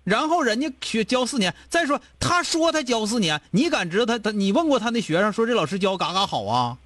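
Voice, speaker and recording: A man with a Northeastern Mandarin accent lectures a caller bluntly, firing off one rhetorical question after another. His voice sits very high for a man and leaps around a lot. The sound is dry and close, with no room echo. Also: big pitch swings, fairly bright tone. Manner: blunt, scolding, rapid-fire rhetorical questions. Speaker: advice show host. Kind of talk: call-in advice chat.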